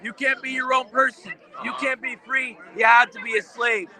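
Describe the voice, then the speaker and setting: A man's voice: extremely high pitch, little pitch movement, normal speed. A man speaking emphatically at a street rally, his speech lisping from missing front teeth. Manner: emphatic, repetitive phrasing. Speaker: protest activist. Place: outdoors on a city street at a protest. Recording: outdoor street, loud crowd and traffic.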